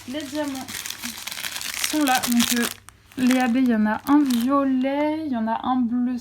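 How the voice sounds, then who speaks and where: Young woman vlogger, slightly high and mellow voice, chatty with lots of fillers, filming on a phone at home. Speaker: crafts vlogger. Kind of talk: casual unboxing chat. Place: at home near a window. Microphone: phone camera.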